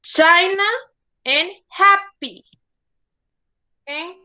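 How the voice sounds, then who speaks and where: Very slow and very high-pitched, with a pushed, bright tone, a woman teaches English to an online class over poor audio. Her approach is patient and repetitive, with words repeated and constant "okay?" check-ins.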